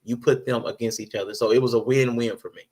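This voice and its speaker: A man's voice: medium pitch, little pitch movement, fast talker, a little mellow, slightly rough, poor audio. A man co-hosting a wrestling review podcast, talking casually and animatedly, repeating himself and laughing often. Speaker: podcast co-host.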